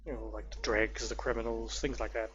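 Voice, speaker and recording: A man's voice: medium pitch, little pitch movement, a little fast. A wheezy man with a cold giving casual gameplay commentary, muttering hesitant asides to himself. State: has a cold. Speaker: gamer commenting while playing. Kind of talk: casual let's play commentary. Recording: noisy, dull lo-fi mic.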